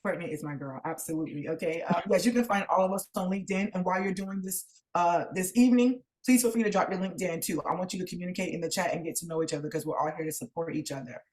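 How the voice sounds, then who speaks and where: Chatty woman co-host, lowish voice. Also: fast talker, few pauses, a little mellow, poor audio. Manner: chatty, friendly, talkative. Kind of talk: webinar hosting. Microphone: video call.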